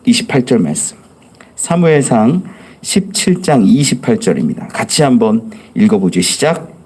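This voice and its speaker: A man's voice: mid-range voice, very animated, normal speed, darkish tone, husky. A male pastor preaching a midweek church sermon, asking the congregation questions and acting out the quoted lines. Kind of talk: sermon at a Wednesday church service.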